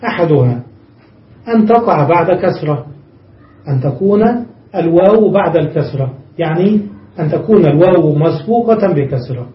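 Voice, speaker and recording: A man teaching an Arabic grammar lesson, reading from a text and explaining it step by step, repeating examples slowly. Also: a little high, lively intonation. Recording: muffled, echoey room, mic far off.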